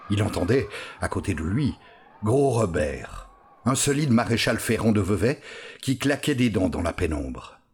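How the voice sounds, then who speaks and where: A man reading a storybook aloud with expressive, unhurried storytelling. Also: low-pitched, breathy edge. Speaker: narrator. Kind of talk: storybook narration.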